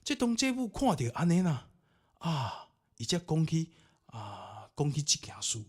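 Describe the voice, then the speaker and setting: Husky and a little high, this male storyteller's voice makes huge pitch swings at a measured pace. A Taiwanese Hokkien native speaker with a Taiwanese accent, he hosts a podcast where he tells ghost stories and remarks on them theatrically and colloquially.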